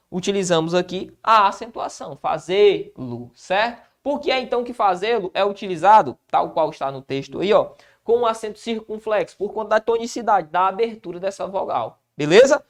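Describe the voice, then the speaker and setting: A man teaching a Portuguese lesson for exam prep, lively, with frequent tag questions he answers himself and words drawn out slowly for emphasis. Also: high-pitched. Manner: asks and answers his own tag questions.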